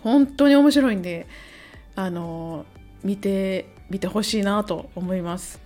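A woman musician and songwriter with an amateur-facing audience talks alone to her listeners while hungover, her hosting loose, hesitant and meandering. Her medium-pitched voice is mellow and slow, with soft music playing in the background.

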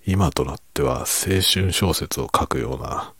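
A middle-aged man in a quiet, rambling, self-deprecating late-night monologue meant for falling asleep, in a hushed voice that often drops toward a whisper. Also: a bass voice, a little slow, gravelly, husky, dry recording, studio quality. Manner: self-deprecating, rambling, chuckling under his breath. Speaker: fiction writer chatting to listeners.

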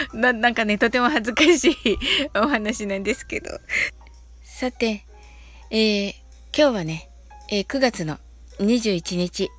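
A woman with a somewhat high voice teaches English on an audio show, talking very slowly and politely, with plenty of fillers. She draws out English words for listeners to repeat. Faint music plays under her voice. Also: fairly bright tone. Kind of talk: slow, friendly English lesson monologue.

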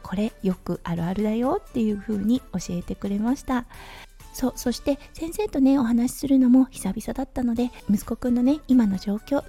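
A woman in her thirties hosting her own talk podcast, telling stories in a gentle, chatty way with soft fillers. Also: on the high side, vocal fry, husky. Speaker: podcast host. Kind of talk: casual solo talk radio.

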